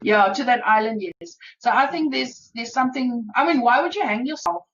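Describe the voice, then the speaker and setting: A woman's voice: on the high side, normal speed. A woman co-hosting a podcast, chatting casually and thinking aloud with hesitant restarts. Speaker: podcast co-host. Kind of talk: casual chat. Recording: dull lo-fi sound with faint noise.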